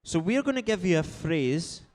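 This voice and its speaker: A man's voice: fairly high pitch, very animated, moderate pace, darkish tone. A man hosting a live quiz in a casual way, explaining things informally with frequent check-in tags. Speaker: quiz host.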